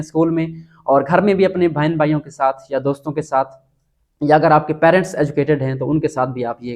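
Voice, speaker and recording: A man's voice: a little high, darkish tone. A man giving a casual spoken lesson, explaining step by step and spelling words out letter by letter. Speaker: teacher.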